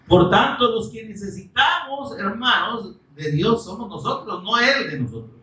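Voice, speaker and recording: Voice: mid-range voice, animated, moderate pace, far from the mic. Emphatic preacher in a roomy hall. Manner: emphatic, rhetorical questions, bursts of shouting. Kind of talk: Spanish-language sermon. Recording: roomy, from off-mic.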